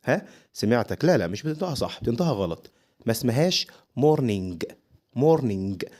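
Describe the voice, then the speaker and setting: A man's voice: medium pitch, sing-song, racing. A man with an Egyptian accent giving a casual English lesson, coaxing and direct with the viewer. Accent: Egyptian Arabic. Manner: direct, coaxing teacher talk. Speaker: English teacher.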